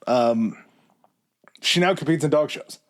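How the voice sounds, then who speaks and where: A man hosting a podcast, telling a story in a relaxed, chatty way with fillers and asides. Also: fairly high pitch, a little slow. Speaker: podcast host. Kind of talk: casual chat.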